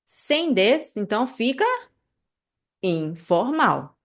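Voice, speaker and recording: Woman, language teacher, chatty live online class, mid-pitched voice, lively asides. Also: slow. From Brazil. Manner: chatty, many fillers like "né" and "tá", animated asides.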